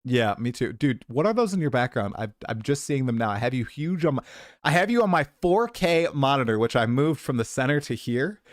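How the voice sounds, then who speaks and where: A late-twenties man hosts a relaxed livestream, chatting and poking fun at himself while a cold sets in. His mid-range voice is expressive and brisk. The audio is clean studio sound with no room sound.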